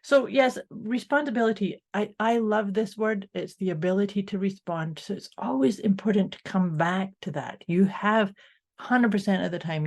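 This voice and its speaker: A woman's voice: mid-range voice, a little mellow. A woman co-hosting a motivational podcast, talking through mindset tips in an upbeat, encouraging way. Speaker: podcast co-host. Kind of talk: casual motivational chat.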